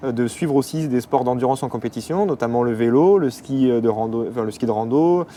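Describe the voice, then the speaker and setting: Young man from the Paris region, quick casual guest talk full of fillers, faint noise behind. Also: medium pitch, mellow. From Paris region, France. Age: 20s. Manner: rapid, hesitant with many fillers. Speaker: athlete guest. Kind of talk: casual interview.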